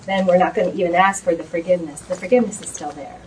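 A woman's voice: lowish voice, fairly even intonation, rapid-fire, a little hiss or hum, low-quality recording. A woman in a study group, hesitantly quoting a verse with restarts. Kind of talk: group discussion comment.

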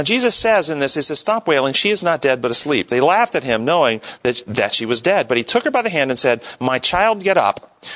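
A Bible study teacher leads an interactive Bible lesson, speaking conversationally and asking his audience questions. His voice is medium-pitched and a bit bright.

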